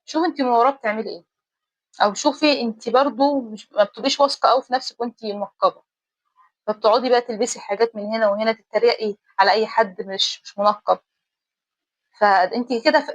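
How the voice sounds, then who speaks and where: A woman's voice: fairly high pitch, no room sound, lo-fi sound. A woman with an Egyptian accent, giving a blunt, emphatic opinion monologue full of rhetorical questions. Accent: Egyptian Arabic. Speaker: vlogger.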